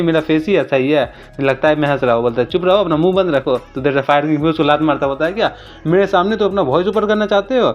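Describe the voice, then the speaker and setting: A man retelling a comic story in a casual recap, talking rapidly and briefly raising his voice for quoted lines. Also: a little high. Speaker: manhwa recap narrator. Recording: dull lo-fi voice-over with faint music.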